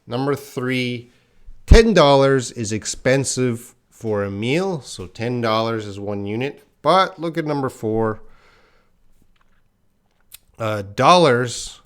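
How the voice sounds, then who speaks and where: A man from Canada runs a live online English grammar class at a slow, unhurried pace. He lays out the rules patiently and responds to viewer comments as they come in, in a clear, resonant, mid-range voice.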